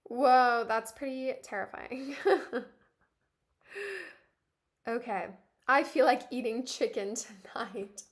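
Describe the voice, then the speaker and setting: A woman's voice: a little high, fairly even intonation, takes it slowly, long pauses. A woman streaming live, reading a webtoon aloud and reacting with lots of giggles.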